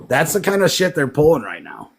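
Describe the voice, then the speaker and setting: A man hosting a casual livestream, telling stories in a profane, animated way and breaking into incredulous outbursts. His voice sits a little high for a man. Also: fairly quick, gravelly, breathy edge. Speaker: livestream host.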